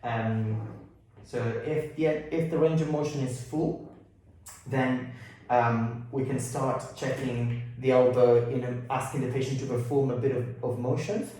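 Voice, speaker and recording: A man explaining as a clinician in a halting, informal way, slightly muffled through a face mask. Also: medium pitch, fairly even intonation, mellow. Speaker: consultant osteopath and physiotherapist. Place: indoor room at a clinic. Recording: very echoey room, distant mic.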